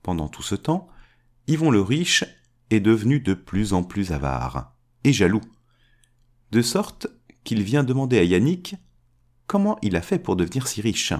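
A man reading a fairy tale aloud as a storyteller, changing his pitch to give each character a voice. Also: sing-song, a little slow.

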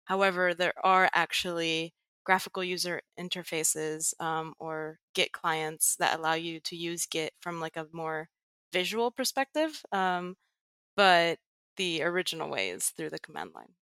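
Speaking unhurriedly in a lowish voice, this young adult woman has a sharp yet clean tone, captured in a dry recording. She's from Greece but has an American accent, and as a tech writer and educator guesting on a podcast, she explains things patiently with frequent fillers.

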